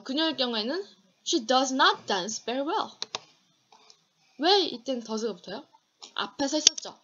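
A Korean woman teaching an online English grammar lecture, reading English example sentences slowly and deliberately. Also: fairly high pitch, dull audio, background noise.

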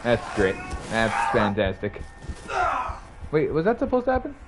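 A man's voice: mid-range voice, wildly swooping pitch, unhurried, heavy background noise. A young man streaming a horror game, reacting with panicked, swearing outbursts and running commentary. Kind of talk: live gameplay commentary.

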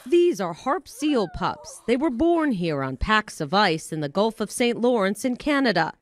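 Woman doing wildlife news voiceover, animated delivery, really dry clean sound. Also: mid-range voice, a little slow, no room sound, shouting. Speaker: news reporter. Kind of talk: scripted TV news feature narration about wildlife.

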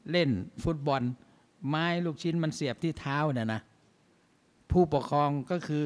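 A man's voice: fairly high pitch, moderate pace, darkish tone. Man preaching conversationally in a mosque. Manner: conversational, rhetorical questions. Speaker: imam. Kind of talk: mosque sermon.

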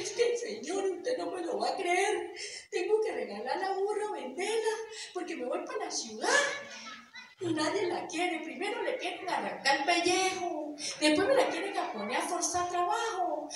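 A woman voicing a frightened, tearful peasant boy from the who pleads in a high, stammering voice. His voice is bright and swoops up and down as he begs. The storybook telling sounds echoey and distant. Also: very animated, normal speed, noisy background. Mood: pleading.

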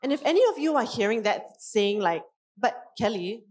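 A woman, a parenting coach giving a lively conference talk in which she acts out parents' voices. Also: a little high, a little fast.

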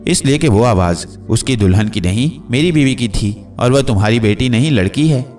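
A man's voice: medium pitch, expressive, moderate pace, darkish tone, natural voice. A man voicing a boastful, quarrelsome comic character who bickers with his rival suitor. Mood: indignant. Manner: indignant, quarrelsome. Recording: distant mic with faint music.

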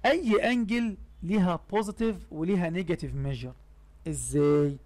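A man's voice: high voice, a little fast, a little mellow. A man with an Egyptian Arabic accent teaching a math lesson, explaining step by step, asking and answering his own questions, and mixing English math terms into his Arabic.

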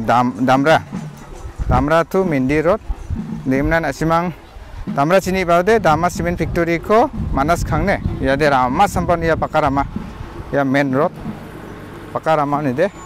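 Garo-accented man vlogging by a pond. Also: on the high side. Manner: rambling, repetitive, addresses viewers directly. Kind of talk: casual walking tour narration. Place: outdoors by a village pond.

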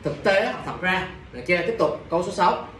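A young man teaching English in a classroom, slowly repeating words and checking in with students. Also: high voice, a bit bright. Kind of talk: classroom pronunciation lesson. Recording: echoey room, mic far off.

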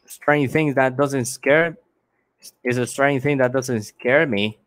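A young man chatting casually on a livestream, relaxed and amused. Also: mid-range voice, slow, no echo. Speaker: livestream host.

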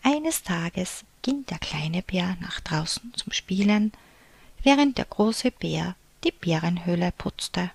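A woman reading a picture book aloud to children in a soft, unvoiced whisper, as a whispered storybook reading. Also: on the low side, lively intonation, slow pace, gravelly, slightly rough, no room sound.

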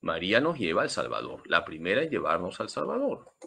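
Lively bright-voiced priest. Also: male voice, sits low, brisk, gravelly, slightly rough. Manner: emphatic, lively teaching with humor. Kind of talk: Marian catechesis talk.

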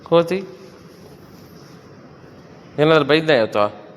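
A male fitness trainer coaches a woman through her workout, his voice a little high, expressive and slow, with a lo-fi quality. He mixes firm, repeated gym commands with tips and explanation. The room is reverberant, with music playing behind him.

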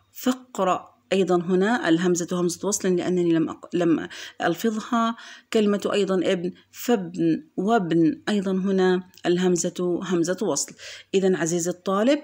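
A woman teacher giving a recorded grammar lesson for children, patiently explaining step by step and repeating example words slowly. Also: on the low side, a little mellow.

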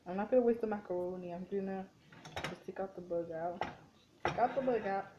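A woman's voice: mid-range voice, a little fast, muffled recording, noisy background. Chatty girl vlogging in a kitchen. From Mexican family. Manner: chatty and easily grossed out, lots of "like" and "dude". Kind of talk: casual cooking vlog. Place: dim home kitchen.

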